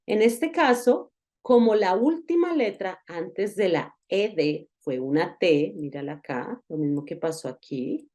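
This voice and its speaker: A woman teaches in a recorded online lesson, her voice sitting a touch low and her pace unhurried. She explains patiently and says each example word slowly, more than once. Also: expressive, darkish tone. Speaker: English teacher.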